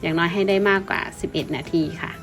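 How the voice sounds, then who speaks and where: A woman's voice: on the low side, fairly even intonation, quick pace, music in the background. A woman from Thailand talks as a vlogger in a polite, explanatory way, informally and with some repeated words. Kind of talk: informal explanatory vlog narration.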